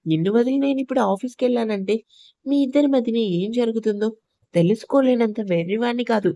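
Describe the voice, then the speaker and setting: A woman's voice: fairly high pitch, quick pace, dark tone, dry recording, studio quality. A woman voicing a jealous, harsh young husband who scolds and accuses his wife in a told story. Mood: accusing. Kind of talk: storybook narration.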